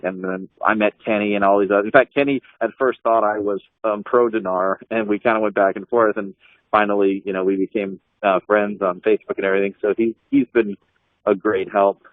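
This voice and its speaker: On a group call, a man with a lowish voice and no room sound looks back on old times in a loose, rambling way. He is an anti-scam blogger whose dry, tinny audio catches his many fillers, restarts, and frequent laughter as he tells stories.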